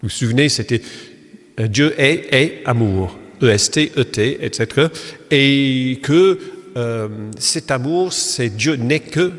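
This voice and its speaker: A man's voice: mid-range voice, lively intonation, slow pace. A man with an English accent, a pastor giving a lecture-style church talk in French, hesitant with many fillers and restarts. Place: Protestant church hall. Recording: long reverb of a church hall.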